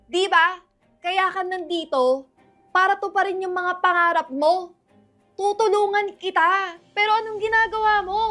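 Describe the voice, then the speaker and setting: Shrill, bright-voiced woman scolding. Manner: yelling and cursing, then lecturing. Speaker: vlogger. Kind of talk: staged family confrontation.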